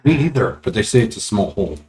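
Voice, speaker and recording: A man with a very low-pitched voice takes part in a tabletop fantasy game as a player. He talks casually, stating what he does and asks. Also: very animated, fast.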